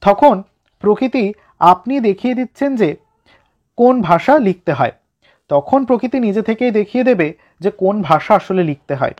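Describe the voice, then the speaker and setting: Man, high voice, explaining a text to students, dull lo-fi sound. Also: lively intonation, moderate pace, long pauses, a little mellow. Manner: explains a text line by line, addressing students directly. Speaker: teacher. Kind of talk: exam-prep literature lesson.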